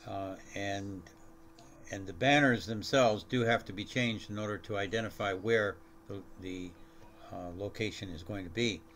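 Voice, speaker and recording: A man on a neighborhood board explaining a point in a meeting, deliberate and restarting his sentences. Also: fairly low pitch, steady tone, a bit bright, a little hiss or hum. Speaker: board member. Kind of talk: meeting discussion.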